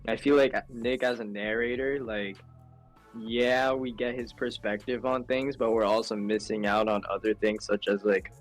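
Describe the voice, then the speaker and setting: A teenage boy with a fairly low voice, chatting loosely on a school podcast and leaning on "like" all the time. Soft music plays faintly behind him. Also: level tone, normal speed. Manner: loose, with many filler "like"s. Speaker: student. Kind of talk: casual class podcast discussion.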